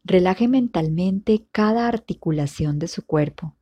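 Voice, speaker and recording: A woman instructor leads a guided meditation in a low, relaxed voice. She speaks very slowly and in a measured way, leaving long pauses between short instructions. The delivery stays calm and soothing. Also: breathy edge.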